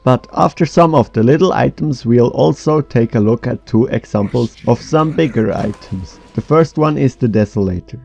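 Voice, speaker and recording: A man's voice: mid-range voice, normal speed, gravelly, hardly any pauses, darkish tone. A man reading scripted explainer narration for a gaming documentary. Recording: dull lo-fi mic, faint music. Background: faint music.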